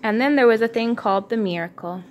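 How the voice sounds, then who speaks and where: Talking fast in a high voice with a darkish tone, a woman reads a children's story to a child as a parent might, with offhand asides along the way. The recording is homemade, and background noise can be clearly heard.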